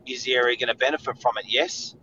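A man's voice: mid-range voice, fairly even intonation, fast talker, bright, forceful tone. An Australian man in casual discussion poses questions and answers them himself. He comes through a remote line whose glitchy audio keeps cutting out and dropping away. The sound is dull and muffled, with a faint hiss underneath. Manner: thinking aloud, poses and answers his own questions. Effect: glitchy remote audio that keeps cutting out and dropping in level. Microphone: remote call line.

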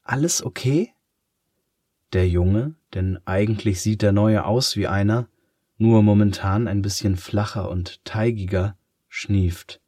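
A man reading a children's story aloud in a calm, measured, expressive way. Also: fairly low pitch, dry recording, clean studio sound. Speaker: narrator.

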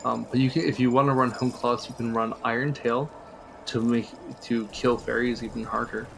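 Gravelly man explaining game strategy. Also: medium pitch, level tone, normal speed, a little hiss or hum. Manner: explains game strategy at length, chuckles often. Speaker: podcast co-host. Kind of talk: casual chat.

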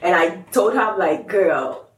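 A woman hosting a casual faith-based chat, playful and expressive, laughing often. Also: fairly low pitch, normal speed, reverberant, far from the mic. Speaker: host.

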